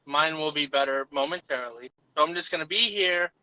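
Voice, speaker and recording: A man joking on a casual podcast chat while travelling, his voice thin and tinny with no bass, as if in a tin can far away. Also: fairly quick, pushed and bright, no room sound. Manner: joking, teasing, laughs often. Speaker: podcast co-host. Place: on the way back to a hotel.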